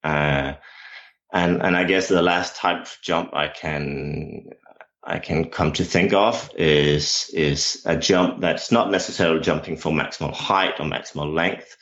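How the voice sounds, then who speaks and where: In a dull, lo-fi recording, a man from Denmark who works as a jumps coach and lecturer responds to interview questions in Danish-accented English. His bass voice has a slightly bright edge, and he hesitates often, filling and restarting.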